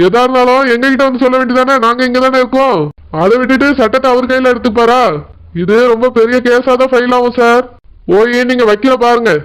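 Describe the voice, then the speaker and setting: A man's voice: extremely high pitch, a bit bright, smooth. A man voicing a stern village policeman who speaks firmly and threatens arrest. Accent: Tirunelveli Tamil. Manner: firm, threatening.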